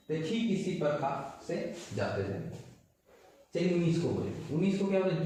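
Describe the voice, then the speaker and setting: A man teaching a class. He asks the room questions and answers them himself, and he repeats each word slowly. His voice is mellow and a little high, and it is recorded from a distance in a strongly echoing room. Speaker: Japanese language teacher. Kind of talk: classroom lesson. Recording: echoey, mic far off.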